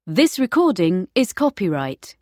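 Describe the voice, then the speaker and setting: A woman reading the formal announcement at the start of an audio course recording, measured and precise. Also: on the low side, big pitch swings, darkish tone, no echo, studio quality. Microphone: close studio mic.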